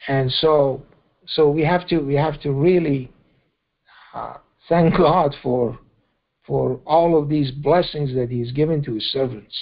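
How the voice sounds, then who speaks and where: A man's voice: fairly high pitch, measured pace, muffled recording. A man leading a scripture study, explaining verses in a conversational way and often checking in with "okay?". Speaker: Quran study teacher.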